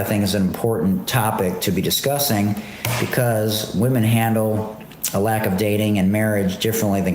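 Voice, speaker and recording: A man who hosts a podcast and sells through an online shop runs a casual livestream from his home art studio and kitchen area, rambling in a laid-back way with plenty of fillers. His voice is fairly low and darkish, with heavy echoey room reverb, a little hiss or hum, and faint background ambience.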